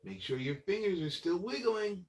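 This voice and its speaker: Leading exercises on a kids' show, this storytime host talks at a moderate pace in a high-pitched voice full of lively intonation. He's playful and encouraging with the children, repeating phrases in a sing-song way.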